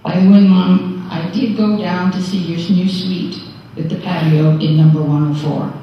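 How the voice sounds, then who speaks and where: An older woman speaking a tender, measured farewell to her late mother at a memorial. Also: lowish voice, fairly even intonation, a little hiss or hum. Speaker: daughter giving a tribute. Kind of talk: memorial tribute. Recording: echoey hall from far off, dull sound.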